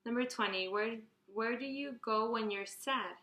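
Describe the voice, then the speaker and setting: Young woman, early twenties, vlogger answering a Q&A, bright chatty tone, echoey room. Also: on the high side, normal speed. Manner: chatty, rambling, restarts and fillers, reads questions out brightly. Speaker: beauty vlogger. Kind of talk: casual Q&A tag video.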